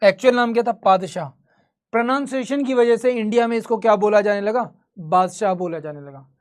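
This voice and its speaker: A man's voice: very high voice, quick pace. A man teaching history in a live online class. He talks conversationally, quizzes his students and answers his own questions.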